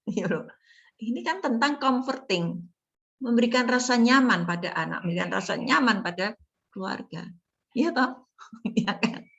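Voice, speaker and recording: A woman's voice: a little high, normal speed, vocal fry, long pauses, lo-fi sound. Chatty middle-aged woman lecturer. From Indonesia. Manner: chatty, animated storytelling with laughs and rhetorical questions. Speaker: nursing lecturer. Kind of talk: casual university lecture.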